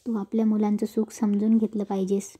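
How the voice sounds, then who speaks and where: A woman voicing a calm elder man of the household who tries to keep the peace. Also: medium pitch, brisk, slight background noise, natural voice. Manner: calm, placating.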